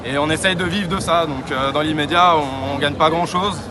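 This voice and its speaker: A man from France with a fairly high voice, chatting in informal, colloquial phrasing. He is being interviewed outdoors, and loud urban noise surrounds his voice. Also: moderate pace, crowd noise. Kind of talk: casual street interview. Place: outdoors in a city street. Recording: very noisy outdoor urban street.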